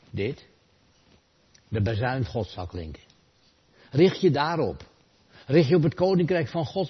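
Husky-voiced preacher man. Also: mid-range voice. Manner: rhetorical questions and answers, swells loud then drops soft. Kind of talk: sermon. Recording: dull lo-fi sound.

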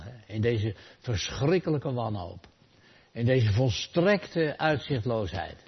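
A man preaching a sermon, asking rhetorical questions and answering them, rising loud and then dropping soft. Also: lowish voice, husky. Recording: dull lo-fi sound.

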